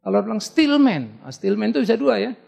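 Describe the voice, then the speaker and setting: Give me a middle-aged pastor preaching in a lively, high, animated voice. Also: male voice, brisk, vocal fry, slightly rough, big-room sound. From Indonesia. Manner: animated, joking, with lively acted-out dialogue. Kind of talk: sermon.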